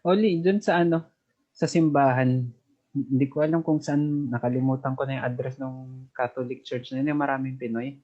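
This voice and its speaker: A man from the Philippines, a guest overseas worker, chatting casually in an unhurried, easygoing way over a remote call. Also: mid-range voice, fairly even intonation. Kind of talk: casual chat. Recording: dull lo-fi call audio.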